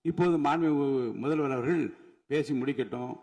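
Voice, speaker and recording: A man presiding over a legislative assembly, giving formal procedural rulings in a measured, authoritative way. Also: a little high, darkish tone, long reverb tail.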